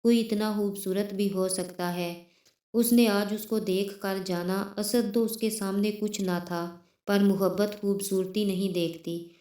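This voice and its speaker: A woman storyteller reading a scripted story in a steady, emotive manner. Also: mid-range voice, echoey room.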